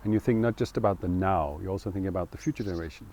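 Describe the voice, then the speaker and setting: A middle-aged man, speaking in English, talking earnestly and thoughtfully in an interview and pausing to find his words. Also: low voice, darkish tone, slight background noise. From Denmark. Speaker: co-founder interviewee. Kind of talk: reflective interview talk.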